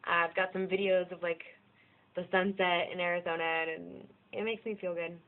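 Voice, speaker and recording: A woman's voice: lowish voice, level tone, normal speed. A young American woman talking candidly about her life in a rambling, self-deprecating way, swearing freely. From United States. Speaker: vlogger. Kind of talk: casual personal vlog monologue. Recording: tinny lo-fi narrow-band audio.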